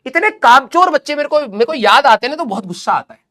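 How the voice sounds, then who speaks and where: A man's voice: extremely high pitch, quick pace. Exasperated male teacher telling a story. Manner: exasperated, animated storytelling with asides. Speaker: exam-prep teacher. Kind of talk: motivational storytelling to students.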